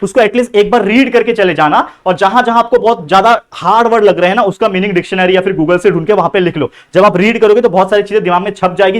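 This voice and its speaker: Indian male tutor, high register, walks students through answers with self-posed questions. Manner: explains step by step, asking and answering his own questions. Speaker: teacher. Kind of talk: exam-prep lecture.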